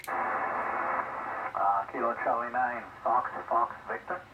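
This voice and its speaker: A man's voice: mid-range voice, slow pace. Man over fading shortwave radio. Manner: relaxed, hesitant with many fillers. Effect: heard over fading shortwave radio. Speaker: amateur radio operator. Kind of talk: casual radio contact. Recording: distant, dull shortwave radio signal with faint noise.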